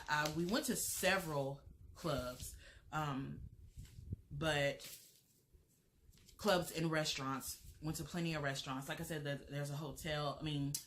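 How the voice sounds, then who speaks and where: A woman's voice: low voice, a bit bright, a little hiss or hum. A young American woman with an American accent, chatting casually as a travel vlogger, rambling with lots of fillers and restarts. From United States. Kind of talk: casual chat.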